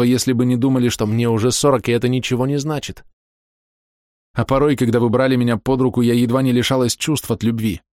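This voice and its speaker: A man's voice: mid-range voice, a little mellow, dry recording, studio quality, pitched above the performer's own voice, lightly acted. A man voicing a lonely, self-doubting woman of forty who pleads tearfully in an audiobook reading.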